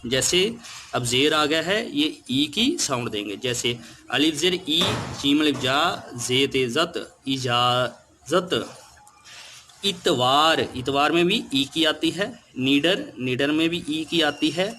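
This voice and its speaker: Slow, bright-voiced male teacher. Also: fairly high pitch, a little hiss or hum. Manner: patient, spells words out letter by letter. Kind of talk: spelling lesson for children.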